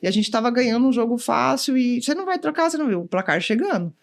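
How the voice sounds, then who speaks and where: A woman volleyball coach chatting in an interview, animated, often acting out what others said and tagging sentences with "né?". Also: fairly high pitch, racing, gravelly. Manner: animated, acts out quotes, many "né?" tags. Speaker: volleyball coach, former pro player. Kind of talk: casual interview chat.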